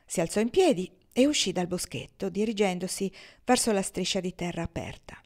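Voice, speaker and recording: A woman narrating a novel as an audiobook reader, measured and expressive. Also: on the low side.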